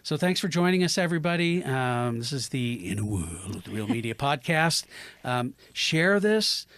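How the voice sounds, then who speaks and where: A man hosting a podcast interview, chatting in an easygoing, upbeat way with lots of quick affirmations. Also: medium pitch, big pitch swings, fairly bright tone. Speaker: podcast host. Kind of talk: casual interview chat.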